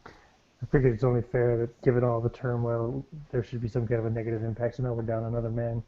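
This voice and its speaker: A man's voice: mid-range voice, monotone, fast, highs cut off. Wry man playing a tabletop game. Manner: wry, joking, swears casually. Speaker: player. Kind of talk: casual tabletop game play.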